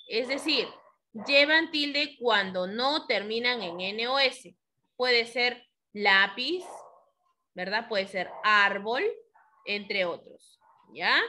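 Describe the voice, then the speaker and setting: Maestra peruana, voz clara y brillante, habla pausada, pregunta a sus alumnos en el aula. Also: female voice, fairly high pitch, pushed and bright. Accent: Peruvian Spanish. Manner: slow, patient, asks the class questions. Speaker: teacher. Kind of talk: classroom lesson. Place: classroom.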